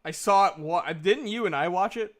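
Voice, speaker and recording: A high-pitched man improvises narration as game master of an online tabletop game. His phrasing is halting and hesitant.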